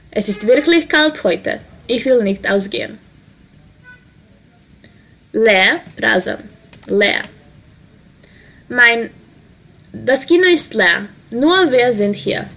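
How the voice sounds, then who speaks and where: Slow, careful woman teaching vocabulary. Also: fairly high pitch, vocal fry, fairly bright tone. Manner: says each word and sentence slowly, then translates it quickly. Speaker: language teacher. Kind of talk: vocabulary lesson.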